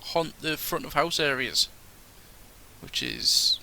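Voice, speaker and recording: A man's voice: a little high, slow, creaky, pushed and bright. A young man with a Sunderland accent, co-hosting a podcast and rambling through ghost stories with lots of swearing and laughter. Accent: Sunderland (Mackem). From Sunderland, England. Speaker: podcast co-host. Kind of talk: casual chat about ghost stories.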